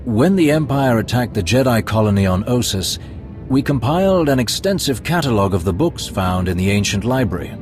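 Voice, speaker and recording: This game cutscene has music underneath as an actor portrays a deferential Imperial spymaster acting as an advisor. His medium-pitched voice swings widely in pitch and is a little mellow but natural, while his manner remains reserved, formal, and deliberate.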